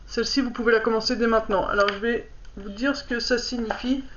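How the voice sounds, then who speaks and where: A woman with a fairly high, slightly bright voice speaks fast and in a steady tone, with a little hiss or hum over a dull lo-fi recording. She is a card reader doing a casual oracle card reading to the camera, hesitant and stumbling through many fillers as she reads.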